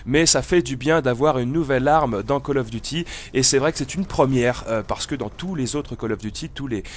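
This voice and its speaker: A man who has a cold narrates gameplay as a gaming video host, keeping it casual but hesitant and prone to wandering. He speaks at a moderate pace in a mid-range voice.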